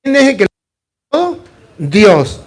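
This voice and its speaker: Delivering a spirited sermon a little slowly, this high-voiced man peppers listeners with rhetorical questions and call-and-response. He uses humor throughout, acting out small exchanges for comic effect.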